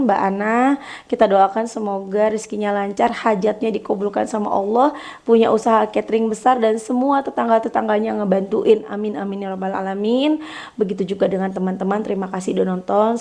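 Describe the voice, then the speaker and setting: A young woman in casual motivational talk to her viewers, chatty, acting out quoted prayers and words to children in a brighter voice. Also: mid-range voice. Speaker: vlogger.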